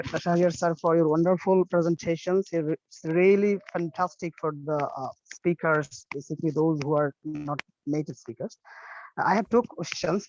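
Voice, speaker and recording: A man's voice: a little high, highs cut off, a little hiss or hum. A teacher, a man, politely asks a question at an online forum, addressing the speaker as sir.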